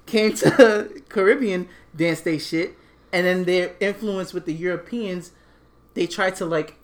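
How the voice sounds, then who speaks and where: A man co-hosting a podcast in casual chat, animated and laughing often, talking loosely. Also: high-pitched, a little slow. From Panamanian and Haitian roots, born in the US. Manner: animated, laughing, repeats "you know what I'm saying". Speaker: podcast co-host.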